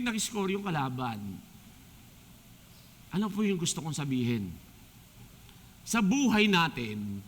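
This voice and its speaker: High, bright-voiced Filipino deacon preaching. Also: male voice. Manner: joking, animated, mixes English into talk. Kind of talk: sermon. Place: church hall. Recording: long church hall reverb.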